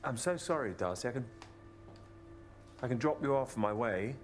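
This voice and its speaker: An actor playing a grieving widowed doctor who talks in a measured, matter-of-fact way. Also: male voice, medium pitch, animated, soft background music, natural voice.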